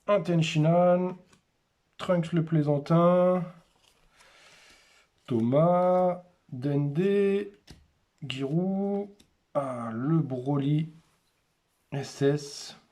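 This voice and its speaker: Male host, casual unboxing commentary, slow delivery, names items one by one. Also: fairly high pitch, dark tone. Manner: names cards one by one in short, unhurried remarks. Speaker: host opening a card display.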